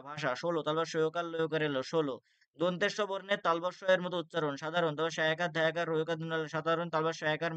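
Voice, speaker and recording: A man's voice: fairly high pitch, a bit bright, smooth, no echo. A young man tutoring for an exam, reading rules aloud with many "ah" fillers and restarts. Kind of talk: exam-prep lecture.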